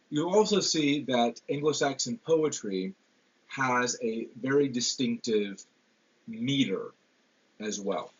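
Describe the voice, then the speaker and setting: A man giving a classroom literature lecture, pausing often with ums and repeated words. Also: medium pitch, husky. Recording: dull lo-fi lecture recording.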